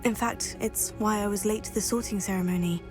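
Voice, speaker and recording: Lady doing a calm polite student hero, mid voice, faint music. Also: mid-range voice, brisk, lightly acted. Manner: polite, composed. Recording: game audio with faint music.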